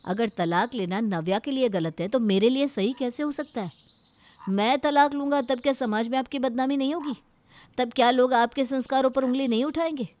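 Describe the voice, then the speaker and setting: An indignant young brother, voiced by a woman in a cartoon story, arguing hard for his sister. His voice sits in a plain middle register and his tone is sharp and protective. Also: mid-range voice, normal speed, hardly any pauses, lightly acted. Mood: accusing. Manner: indignant, pleading, argumentative.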